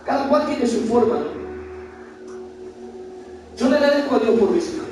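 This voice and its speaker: A man's voice: very high voice, animated, moderate pace. A man, preaching a Bible study sermon in a church hall and putting questions straight to the congregation with passion. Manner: impassioned, questions the congregation directly. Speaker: pastor. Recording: very echoey hall, voice from far off with background noise.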